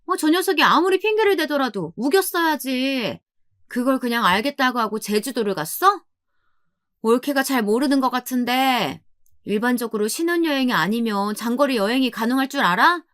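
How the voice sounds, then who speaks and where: A woman voicing a condescending older sister-in-law who mocks and scolds in a raised, sharp voice. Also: high voice, animated, moderate pace, no room sound, studio quality, pitched above the performer's own voice. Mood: scornful. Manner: mocking, scolding, looks down on others.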